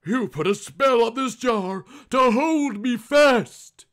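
A fat, greedy, wailing goblin. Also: male voice, big pitch swings, extremely slow, heavily acted. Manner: shrill, wailing, shouting. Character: fat greedy male goblin, whiny and loud.

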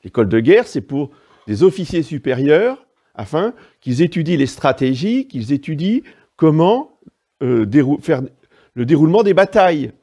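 Priest giving a sermon, fairly high, mellow, gravelly voice with lively pitch, didactic and emphatic. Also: male voice, moderate pace. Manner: didactic, emphatic asides, frequent "hein" and "vous voyez".

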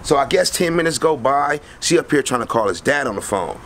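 A young man telling a story casually to a handheld camera in and around his house, slangy and animated, acting out the people he quotes. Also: medium pitch, brisk, a little hiss or hum. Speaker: vlogger. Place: house interior and front porch. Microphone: handheld camera close to face.

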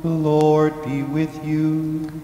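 A man leading Mass as priest, slowly intoning and chanting the liturgy, his voice carried by a cathedral echo. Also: a little high, completely flat delivery, muffled recording. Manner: slow, measured, intoning. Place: large church. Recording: echoey church hall with faint music.

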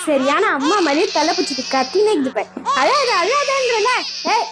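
A woman playing a young housemaid who fawns over her boss but is rough with the baby. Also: extremely high pitch, sing-song, moderate pace, heavy background noise. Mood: sly. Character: young sly housemaid, sweet-talking yet scheming. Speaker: deceitful housemaid. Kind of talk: comedy skit acting.

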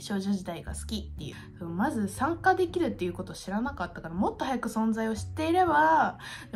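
A woman in her twenties chats casually to camera in an expressive, gushing and self-deprecating way, as a YouTuber in a room at home. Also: a little high. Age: 20s. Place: small home room, indoors.

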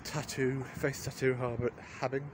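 Here the forty-something vlogger chats his way around a garden on a handheld phone, wry and low-key as he rambles. The background is noisy, and his medium-pitched voice stays level at a moderate pace.

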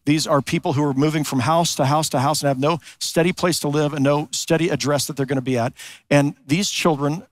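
A man preaches from a church, earnest and deliberate, slowing his words to land each point and posing questions to the congregation. His voice sits a little high for a man. The sound is close and dry. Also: steady tone, dry recording. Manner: earnest preaching, slows for emphasis, rhetorical questions. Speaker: pastor. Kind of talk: sermon. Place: large church sanctuary.

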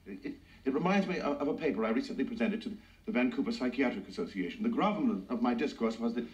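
A man's voice: mid-range voice, lively intonation, fast talker, darkish tone, recorded from a distance, natural voice. An actor playing a pompous, fussy male psychiatrist who talks in wordy, refined phrases with stammering restarts, in a sitcom scene. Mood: lecturing. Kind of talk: sitcom acting. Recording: roomy echo, off-mic, faint hiss.

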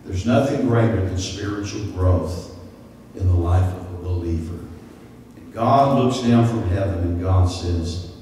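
An older man preaching to his congregation, his voice jumping up high when he acts out what people say. It comes through a roomy church hall with a long echo, caught a little off the mic, with a faint ambient hiss beneath. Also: unhurried, distant mic. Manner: animated preaching with sudden high-pitched acted quotes, gesturing. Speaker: pastor. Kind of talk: sermon. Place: church sanctuary. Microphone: stand mic at lectern.

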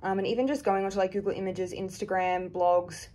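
A woman's voice: mid-range voice, fairly even intonation, brisk, mellow. A woman giving a casual review with frank, chatty opinions that she often hedges. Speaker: planner reviewer.

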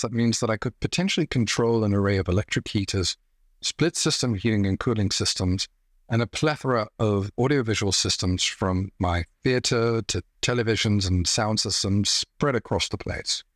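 Low-voiced man, dry close explainer. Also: no echo. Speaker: tech reviewer host. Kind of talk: scripted explainer. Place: home room, indoors.

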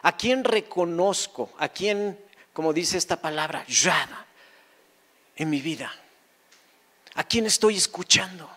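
Fervent high-voiced pastor. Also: male voice, animated, a little slow, pauses often, sharp tone. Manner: fervent, rhetorical questions, repeats key phrases. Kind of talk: sermon.

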